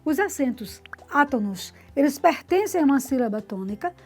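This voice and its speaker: A woman's voice: high-pitched, sing-song, normal speed, a little mellow. A woman teaching a casual video lesson, explaining step by step with frequent tag questions as she points to examples on a board. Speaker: Portuguese teacher.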